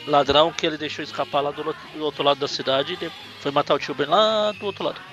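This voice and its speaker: A man's voice: on the high side, steady tone, quick pace, a bit bright, dull audio, faint music behind. A man with a Brazilian Portuguese accent co-hosting a casual comic book review chat, rambling and correcting himself as he jokes. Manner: rambling, self-correcting, jokey. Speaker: podcast co-host.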